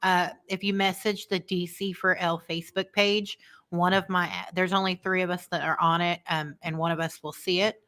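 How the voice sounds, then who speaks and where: A woman's voice: lowish voice, level tone, moderate pace, fairly bright tone. An American woman talking casually as co-host of a live football fan show. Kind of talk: casual live sports chat.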